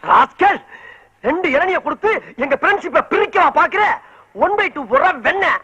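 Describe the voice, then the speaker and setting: A very high, bright, shrill male voice of a wisecracking comic sidekick, cheeky and quick with jokes. It comes through a dull, muffled film soundtrack. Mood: indignant. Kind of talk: 1990s film comedy acting.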